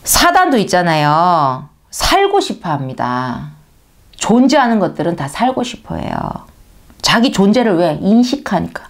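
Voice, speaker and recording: A woman preaching a sermon in a conversational way, often asking her listeners rhetorical questions. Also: a little slow. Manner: animated, pitch leaps for emphasis.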